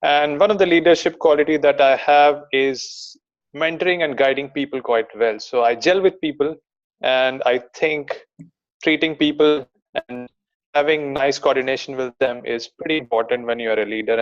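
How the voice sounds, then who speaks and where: A man introduces himself briefly at an online club meeting. He speaks plainly and in a relaxed way. His audio arrives dull over the video call. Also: medium pitch, moderate pace. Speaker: club member.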